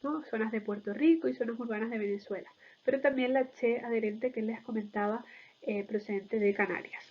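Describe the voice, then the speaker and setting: A woman's voice: fairly high pitch, brisk, lo-fi sound. A woman giving an explanatory lecture in a didactic way, often checking in with short tag questions.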